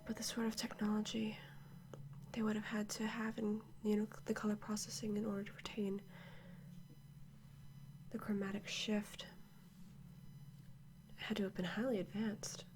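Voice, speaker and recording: Monotone female archaeologist played by an ASMR performer, calm and absorbed, hushed whispered role-play, medium pitch, close mic with clear noise. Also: normal speed, pauses often, close to an everyday voice. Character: woman archaeologist, calm and absorbed, examining a mysterious artifact. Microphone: close microphone.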